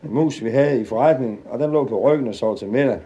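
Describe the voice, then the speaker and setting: A man tells a funny anecdote to a live audience in a lively, chuckling way. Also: medium pitch. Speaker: storyteller. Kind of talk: comic storytelling to a live audience.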